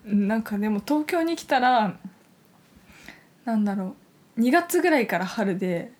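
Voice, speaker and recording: Young female student host, higher-pitched voice, chatty radio-show delivery. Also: expressive, moderate pace, darkish tone. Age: young adult, university student. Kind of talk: casual chat with scripted greetings.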